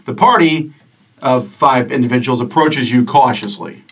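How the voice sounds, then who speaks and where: A man's voice: mid-range voice, normal speed, fairly bright tone, husky. A man narrating a tabletop game as game master, in a casual, rambling way with restarts. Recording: distant mic in a room.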